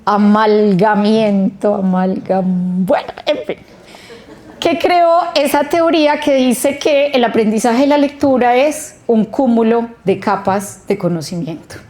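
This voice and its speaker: A woman leads a literacy training session. Her voice sits a little high and she speaks at an unhurried pace. She sounds out words slowly to show how each sound is made. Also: lively intonation, a little mellow. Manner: slow, explanatory, stretching out sounds. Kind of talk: training workshop lecture. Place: training room.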